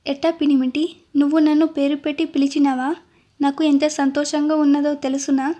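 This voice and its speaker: A woman's voice: high voice, flat delivery, brisk, warm tone, lightly acted. A woman voicing a stubborn village bride who scolds in rustic village speech. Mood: scolding.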